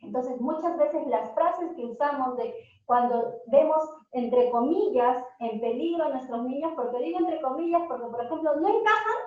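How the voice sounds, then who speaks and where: High-voiced woman teaching parents, echoey room. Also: a little mellow. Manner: asks the audience many questions. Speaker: parenting workshop speaker. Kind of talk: talk to parents. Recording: very echoey, dull lo-fi sound.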